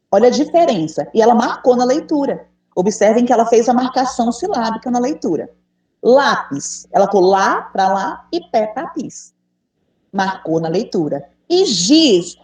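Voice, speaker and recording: A woman's voice: mid-range voice, a little mellow. A Brazilian woman with a patient, encouraging manner, leading an online teacher training and asking the group questions. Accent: Brazilian Portuguese. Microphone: video call. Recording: echoey room, distant mic.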